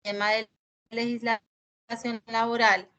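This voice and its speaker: A woman teacher giving an online class over a video call, her voice choppy and cutting out, her phrasing halting. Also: fairly high pitch, level tone, fairly bright tone, lo-fi sound. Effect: choppy, cutting-out video call audio.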